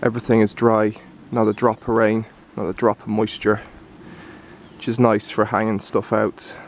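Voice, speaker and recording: A man's voice: on the low side, level tone, moderate pace, slight background noise. Man guiding a camp walkthrough outdoors. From Ireland. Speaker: bushcraft instructor. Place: hillside woodland outdoors.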